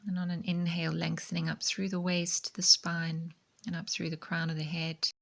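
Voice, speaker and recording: Working as a yoga teacher, a woman leads a guided meditation at a moderate pace. Her low voice is very even, barely rising or falling, with a creaky edge. She gives soft, gentle instruction, often trailing off to a near-whisper.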